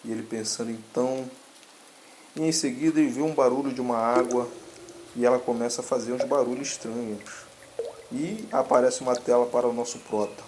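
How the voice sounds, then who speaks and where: Um homem narra uma história em tom casual, com hesitações e correções no meio das frases. A voz tem altura média e há um leve ruído de fundo. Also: male voice, medium pitch, steady tone, background noise. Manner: halting, self-correcting. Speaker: story narrator. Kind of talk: casual story recap narration.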